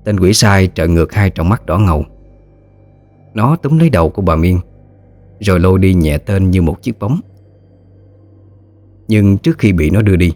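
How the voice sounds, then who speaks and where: A man narrates a ghost story in a steady, scripted way. His voice sits very low, over faint background music.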